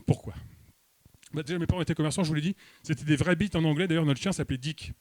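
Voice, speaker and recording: A man with a French accent performing a stand-up comedy set on a comedy club stage, delivering his jokes with deadpan, mock-serious hesitation. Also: fairly high pitch, fast, dry recording.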